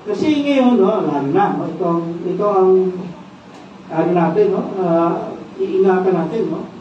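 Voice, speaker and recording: During a church worship service, a Filipino-accented pastor preaches a sermon, asking his congregation questions and ending lines with "no?". He has a high voice and a measured pace. The church audio is echoey, distant, and dull, with slight background noise.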